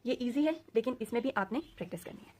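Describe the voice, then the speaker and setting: A woman with an Urdu accent teaching a recorded lesson, speaking slowly and deliberately and repeating sounds as drills. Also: fairly high pitch, animated, mellow. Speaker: Quran recitation teacher.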